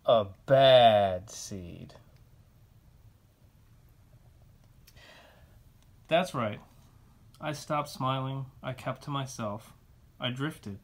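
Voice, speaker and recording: A man voicing a self-confessed bad sunflower seed from a children's picture book, with dramatic, deliberate delivery. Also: medium pitch, gravelly, heavily acted. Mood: sullen.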